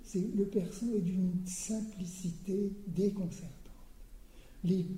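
An older man giving an academic lecture, hesitant, repeating words and often clearing his throat. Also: high voice, steady tone, slow, dark tone. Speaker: lecturer on Persian poetry. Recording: roomy hall sound.

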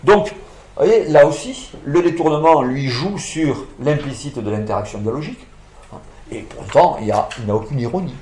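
A male lecturer works through an academic argument, pausing on fillers and correcting himself as he goes. His voice sits at a middle pitch. The sound is roomy and echoing, as in a lecture room. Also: expressive, dark tone. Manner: hesitant, many fillers and self-corrections, explanatory.

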